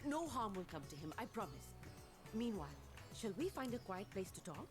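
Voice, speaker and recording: An actress voicing a gentle female alchemist in a video game, speaking softly and politely. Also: medium pitch, sing-song, brisk, natural voice. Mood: reassuring. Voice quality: soft, reassuring, polite. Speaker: alchemist character. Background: game music.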